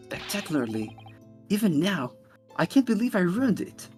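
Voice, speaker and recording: A woman's voice: fairly low pitch, very animated, moderate pace, a little mellow, faint music behind, pitched above the performer's own voice. A woman playing a dramatic, self-deprecating young man in a video game fan dub, speaking emphatically. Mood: rueful, dramatic.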